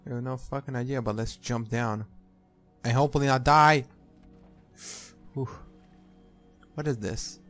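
A man's voice: mid-range voice, fairly even intonation, unhurried, long pauses, fairly bright tone. A man giving casual, sweary playthrough commentary, reacting aloud as he plays a game. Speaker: gamer. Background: game music.

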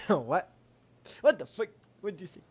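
A man hosting a gaming channel, chatting casually and swearing excitedly during play, his voice a bit hoarse from yelling. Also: sits high, a little slow. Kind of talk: casual gameplay chat.

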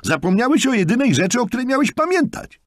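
In this studio-quality audiobook recording with no room sound, a man voices an irritable, bossy chef who is also a father, snapping at others in exasperation. His lowish voice is pitched a little above his own natural register yet stays close to everyday speech, and he talks slightly fast. The mood is angry.

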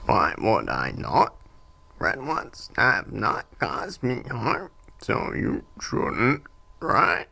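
A male voice playing a polite lipless creature in a game, with a synthetic-sounding robotic voice that is gravelly, hard to understand, and stilted and formal in its phrasing. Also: medium pitch, huge pitch swings, drawn-out words, bright, forceful tone, slight background noise, heavily acted.

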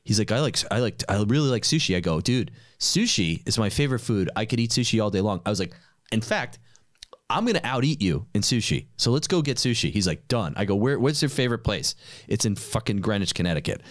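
A man's voice: lowish voice, fast, dry recording, studio quality. A man hosting a podcast, telling a story with acted-out quotes and casual swearing. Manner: animated storyteller acting out quotes, swears freely. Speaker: podcast host.

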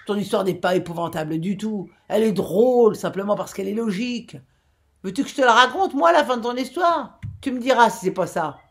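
A woman's voice: lively intonation, normal speed, vocal fry. A woman reading aloud, voicing a mocking old sailor who teases in a raised, laughing voice. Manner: laughing, teasing, high and loud.

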